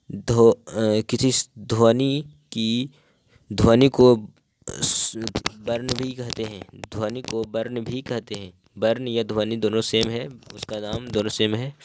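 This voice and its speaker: A man's voice: mid-range voice, no echo, clean studio sound. A male teacher giving a grammar lesson, saying each phrase twice as if for dictation.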